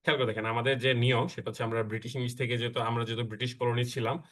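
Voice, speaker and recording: A man's voice: medium pitch, little pitch movement, racing. Bangladeshi man teaching grammar online. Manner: checks in with the class after nearly every point; mixes English words and phrases into his talk. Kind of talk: online class lecture.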